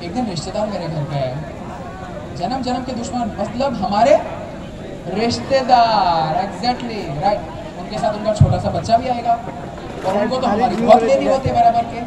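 A young man telling an animated stand-up comedy story, acting out his family members. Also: high-pitched, normal speed. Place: large tented college hall with a seated crowd. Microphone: handheld mic, filmed from far back in the audience. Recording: distant echoey hall with crowd noise. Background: audience laughter and chatter.

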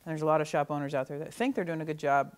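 A young man moderating a panel, brisk and leading, on a handheld mic in a showroom. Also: fairly high pitch, steady tone. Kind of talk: panel discussion. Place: car dealership showroom.

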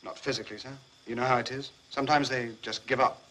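An actor playing a dutiful soldier who gives respectful, matter-of-fact reports in a film. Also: male voice, medium pitch, steady tone, fast, sharp tone, natural voice, rough recording. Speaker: sergeant reporting to the colonel.

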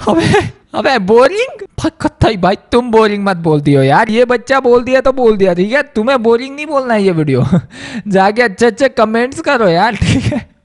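A man giving excitable, exclamatory commentary over a mobile game, often shouting out in surprise. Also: very high-pitched, brisk. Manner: exclamatory, animated, repeating "o bhai sahab". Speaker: gaming YouTuber. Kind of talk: excitable Hindi let's-play commentary.

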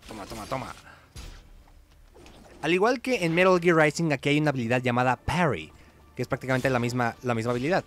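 A gaming video host delivers casual, playful playthrough commentary, his mid-range voice animated, a little fast and slightly bright, broken by long pauses. He's recorded on a voice-over mic laid over the game audio, with game music in the background.

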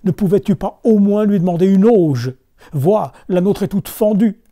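A man voicing a greedy, scolding old peasant wife, berating loudly in a storybook reading. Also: animated, moderate pace, close to an everyday voice. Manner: shrill, loud berating.

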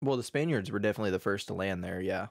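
A man's voice: fairly low pitch, racing, creaky, a crowd in the background. A man co-hosting a casual podcast, jumping into bits and laughing with his friends. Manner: animated, laughs a lot, jumps into bits. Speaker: podcast co-host. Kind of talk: casual chat.

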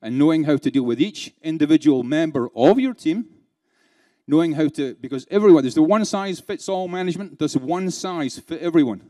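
A man's voice: fairly high pitch, brisk, mellow. A man giving a keynote talk to a live conference audience, peppering them with rhetorical questions and playful asides. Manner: laughs between points, playful. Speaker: keynote speaker.

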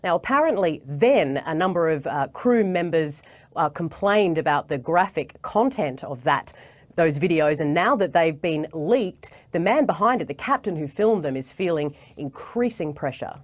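Speaking at normal speed in a deep, animated voice, a woman in her thirties from Australia reports for television news as a correspondent. Wearing a lapel mic, she moves between live reporting and scripted narration.

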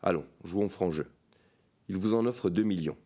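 A man reading aloud and voicing a nervous, scheming male gem broker who presses a hurried bargain. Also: low voice, warm tone. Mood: pressing.

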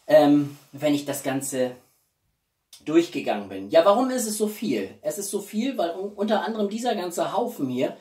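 Recorded indoors in a small living room at home, a man with a slightly high, darkish voice hosts a YouTube video. He chats to camera casually and expressively, and the distant microphone gives the sound a roomy echo.

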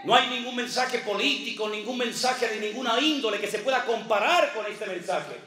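A man in his sixties, a pastor delivering an impassioned sermon with repetition and shouted praise. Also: high-pitched, normal speed, roomy sound, distant mic.

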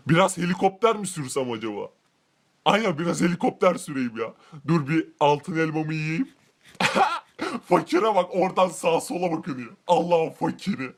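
A boastful, cruel rich man in a game role-play, voiced by a man, all smug gloating and shouted threats. The voice sits a touch above the usual male pitch. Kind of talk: Minecraft role-play commentary.

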